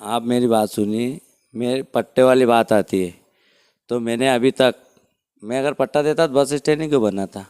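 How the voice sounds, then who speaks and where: A man speaking with a tinge answers an interviewer's accusations as village head. He is insistent and keeps repeating rhetorical questions to defend himself. His voice is smooth and clear at an average pitch. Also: moderate pace, darkish tone.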